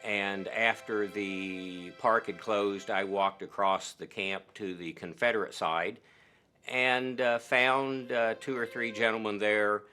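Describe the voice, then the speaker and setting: A man with a lowish, bright and sharp-edged voice tells a story at a slow, measured pace. Faint music sits in the background. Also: steady tone.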